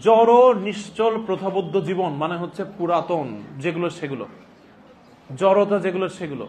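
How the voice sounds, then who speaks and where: A man giving a classroom lecture as a teacher, repeating phrases deliberately for dictation and prompting students with emphatic questions. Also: high-pitched, darkish tone, a little hiss or hum. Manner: repeats phrases slowly and deliberately for note-taking.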